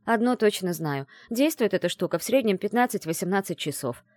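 A woman voicing a lively, scheming young female student of magic who talks bossily and excitedly. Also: medium pitch, pitched above the performer's own voice, natural voice. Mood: agitated, bossy. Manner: bossy, fast and excitable.

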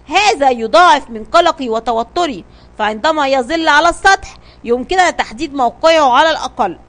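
A woman's voice: high voice, lively intonation, fairly quick, a bit bright. A woman voicing an anxious male sailor in a children's story, speaking nervously and urgently. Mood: tense.

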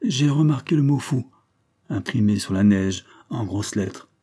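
A man's voice: on the low side, a little slow, warm tone, slightly rough. A man voicing a weary, troubled male doctor testifying in court, speaking in a dull, reluctant way in an audiobook reading.

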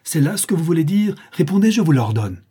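A man's voice: medium pitch, normal speed, warm tone, slightly rough, close to an everyday voice. A man reading an audiobook and voicing a haughty older aristocratic countess who scolds and commands. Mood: furious.

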